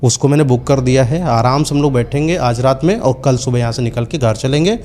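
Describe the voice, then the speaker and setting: A man's voice: medium pitch, brisk, darkish tone, slight background noise, lightly acted. A man voicing a cruel, deceitful young man in a told horror story, speaking with scorn. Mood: coaxing. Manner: scornful, insulting.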